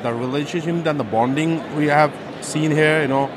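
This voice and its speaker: A man's voice: on the high side, normal speed, noisy background. A man from Bangladesh, answering a vox pop with hesitant fillers and repeated "you know". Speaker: content manager.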